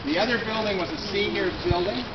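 A middle-aged man telling a group about his past on an outdoor walking tour, reflective and halting with many fillers. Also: high voice. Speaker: former resident speaking on a walking tour. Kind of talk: casual outdoor storytelling to a group. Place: outdoors in a rainy housing courtyard. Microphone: smartphone camera at a short distance. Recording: dull phone-camera audio with outdoor noise.

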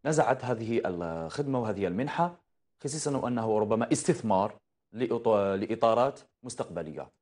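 A man's voice: on the low side, expressive, a little fast, darkish tone. A man interviewing a guest on a TV news channel, asking hesitant questions padded with fillers and giving frequent short acknowledgements. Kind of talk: TV studio interview.

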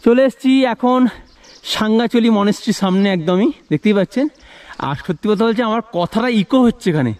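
A man vlogging his travels in an excited, exclaiming way, his voice echoing off the stone around him outside a monastery. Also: sits high, a little fast. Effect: voice echoing around an open stone courtyard. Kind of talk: casual travel vlog narration. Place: outdoors in front of a hillside monastery.

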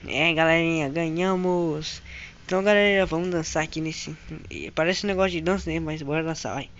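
A man with a Brazilian Portuguese accent doing let's-play commentary, excitably narrating his own moves to viewers and repeating phrases over and over. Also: fairly high pitch, quick pace, muffled recording, slight background noise. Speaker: gaming channel host.

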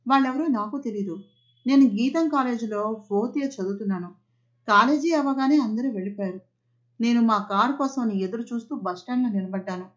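A woman's voice: a little high, a little fast, close to an everyday voice. A woman voicing a frightened young woman who has just been rescued, telling her story earnestly. The recording is a little muffled. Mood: shaken. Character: young woman, frightened kidnap survivor, devout. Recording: slightly muffled audio.

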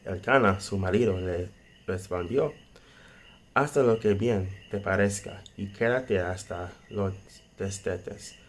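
Young man, second-language Spanish, halting sermon delivery, very slow pace, fairly low pitch. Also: slight background noise. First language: not Spanish, speaks it as a second language. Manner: halting, non-native phrasing with grammar slips. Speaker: lay preacher. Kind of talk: sermon, reading scripture and explaining it. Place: small indoor room. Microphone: phone at arm's length.

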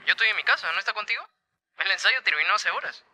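An actor playing a smug young male rival in a sitcom, speaking with a mocking, drawn-out teasing manner. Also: high voice, bright, forceful tone, full character voice. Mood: smug taunting. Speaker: rival on the phone. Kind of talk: sitcom acting.

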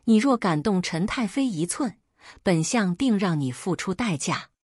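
A woman's voice: medium pitch, animated, moderate pace, darkish tone, no room sound, studio quality, natural voice. A woman voicing a scheming, ruthless old male chancellor who talks in a cold, mocking way. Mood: furious.

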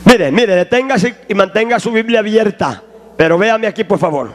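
A male pastor preaching a sermon. He shouts call-and-response lines to the congregation. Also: high-pitched, normal speed, slight background noise.

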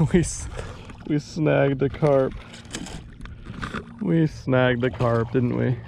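A man in his thirties speaks very slowly in a gravelly, slightly mellow, medium-pitched voice, with a little hiss or hum in the recording. He's a fishing vlogger on a bass boat on a lake, casually teasing himself and talking to his dog, filmed by an action camera on the boat.

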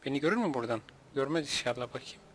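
A man's voice: mid-range voice, expressive, racing, fairly bright tone. A man hosting a gaming video, giving casual let's-play commentary in a playful, joking way with frequent laughter.

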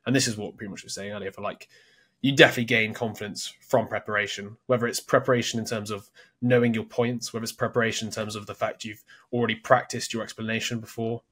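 A man's voice: on the low side, fairly even intonation, quick pace, fairly bright tone. A man co-hosting a casual book-summary chat, thinking aloud with many restarts. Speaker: podcast co-host.

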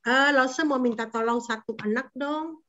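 A high-voiced woman teaches Sunday school with an animated, coaxing delivery, firing questions at the children. The recording is dull and lo-fi. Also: a little slow. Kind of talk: lively sermon for children.

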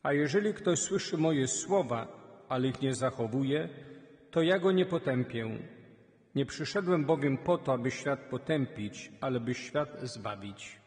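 A male priest reads scripture and intentions in an even, measured liturgical cadence. His voice sits at a middle pitch. The sound carries a long reverb from a large church. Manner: steady liturgical reading. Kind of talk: reading the Gospel and leading prayers at Mass.

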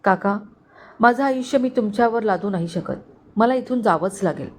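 A woman's voice: medium pitch, normal speed, close to an everyday voice. A woman voicing a young heroine who speaks earnestly and emotionally, hurt but sincere.

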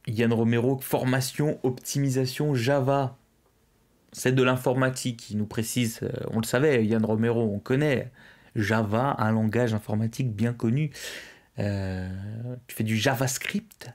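Young man hosting a casual livestream, mellow voice. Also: mid-range voice, fairly even intonation, measured pace. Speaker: livestream host. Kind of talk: casual live stream chat, reading out viewer messages. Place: indoors, at a streaming desk.

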